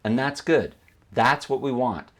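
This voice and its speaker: A film editing instructor narrates an instructional video, speaking as a teacher who walks through each step and asks questions he then answers himself. His voice is medium in pitch with lively intonation, and he talks a little slowly.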